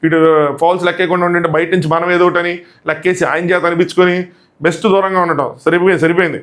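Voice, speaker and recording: Fast-talking man reviewing a TV episode. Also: high-pitched, little pitch movement, fairly bright tone. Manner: critical, argumentative, emphatic. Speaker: reality show reviewer.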